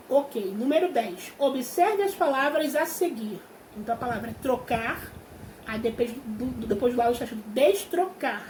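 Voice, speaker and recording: A woman primary school teacher with a Brazilian Portuguese accent, explaining a worksheet patiently and drawing out words slowly to show their syllables. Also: high voice, a little mellow. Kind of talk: remote class explanation. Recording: echoey room with faint hiss.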